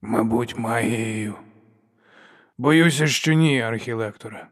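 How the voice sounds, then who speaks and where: A man's voice: medium pitch, slow pace, no room sound, clean studio sound. A man voicing a crippled male inquisitor with a wry, sardonic manner.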